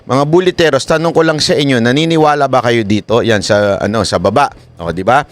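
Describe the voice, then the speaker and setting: A man giving live-stream commentary in an animated way, often tossing tag questions to viewers. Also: medium pitch, brisk, heavy background noise. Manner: animated, keeps asking "di ba?". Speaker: online news commentator.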